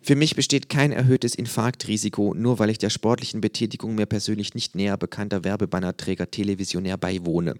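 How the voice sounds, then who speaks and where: A cutting storybook kangaroo talks in a clearly raised voice and lectures its listener with total deadpan calm , voiced by a man. It sounds like a smug doctor giving a diagnosis, in a dry room. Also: lowish voice, quick pace, few pauses, no echo, voice pushed up, natural voice. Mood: calm, needling. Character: sarcastic know-it-all kangaroo, dry and cutting.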